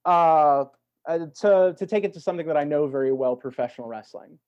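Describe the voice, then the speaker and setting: A podcast guest with a slightly mellow voice on the high side talks in a reflective, casual conversation. He feels his way through his thoughts haltingly, repeating words as he thinks. The audio is dull and lo-fi.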